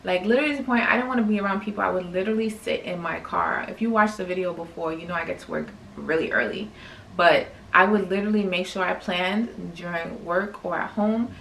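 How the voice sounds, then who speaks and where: A young woman from New York, a teacher, telling a casual story to camera in a chatty, animated way with lots of "like". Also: on the low side, vocal fry, reverberant, far from the mic, slight background noise, low-quality recording. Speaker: vlogger and teacher.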